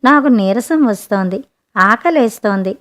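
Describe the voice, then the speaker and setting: A woman narrating a written short story in a gentle, expressive audiobook manner. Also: medium pitch, moderate pace.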